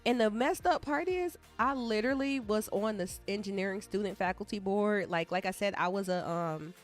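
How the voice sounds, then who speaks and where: A woman's voice: mid-range voice, moderate pace. A woman live-streaming while she codes, rambling candidly and talking straight to her viewers. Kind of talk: casual rambling stream chat. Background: soft background music.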